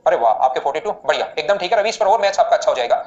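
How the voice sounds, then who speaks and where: A man teaching maths in a live online class, explaining steps rapidly and repeatedly asking students questions. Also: fairly high pitch, expressive, darkish tone, highs cut off.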